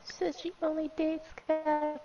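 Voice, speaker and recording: High-voiced goofy woman over dull voice chat. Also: completely flat delivery, slow, mellow, recorded from a distance, a little hiss or hum. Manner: goofy, giggly, says dude a lot. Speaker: gaming partner. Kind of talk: casual gaming chat.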